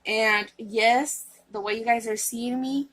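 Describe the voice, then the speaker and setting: A woman with a somewhat high voice chats casually to her viewers. She rambles, restarts her sentences and leans on fillers. She sounds a little worn out. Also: steady tone, takes it slowly, fairly bright tone, poor audio. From California. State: tired. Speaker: vlogger. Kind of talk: casual vlog chat.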